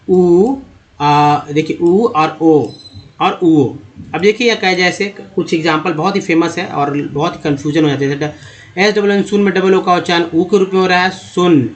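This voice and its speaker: A man teaching English pronunciation over a screen lesson. He talks slowly, spelling out letters and repeating words. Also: fairly high pitch. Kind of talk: screen-based spoken lesson.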